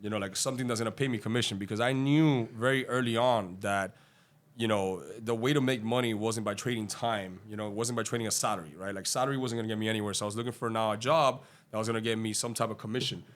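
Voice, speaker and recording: A Cuban day trader, appearing as a guest on a podcast, talks casually about his career. His voice sits on the low side with fairly even intonation, and he speaks fast, swears freely and rambles with lots of fillers.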